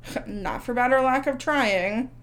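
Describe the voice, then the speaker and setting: A woman's voice: on the high side, normal speed, a bit bright. A woman in her thirties co-hosting a casual podcast chat, blunt and dry, swearing freely. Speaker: podcast co-host.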